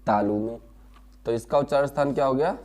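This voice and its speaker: A man teaching a lesson, explaining slowly, sounding out syllables one by one, asking questions and answering them himself. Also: medium pitch, darkish tone. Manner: explains slowly, repeats key terms and answers his own questions. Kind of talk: classroom lesson.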